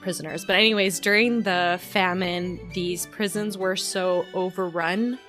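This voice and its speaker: A woman's voice: fairly low pitch, fairly even intonation, a little slow, a bit bright, faint music behind. A woman co-hosting a podcast, telling stories in a meandering way full of fillers. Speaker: podcast co-host. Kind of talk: casual podcast chat.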